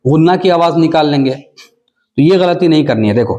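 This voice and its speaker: A man's voice: a little high, animated, mellow. A man teaching a Quran reading class, spelling out syllables and stretching them into a nasal sing-song. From South Asia. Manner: drawn-out syllables. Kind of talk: spelling-out recitation lesson.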